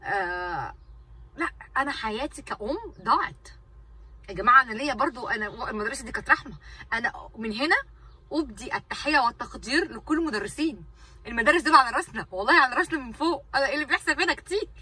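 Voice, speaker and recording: A woman's voice: high voice, animated, rapid-fire, pushed and bright, far from the mic, rough recording. A woman with an Egyptian Arabic accent, a mother and vlogger venting casually to her viewers in an exasperated, ranting way, repeating herself for emphasis.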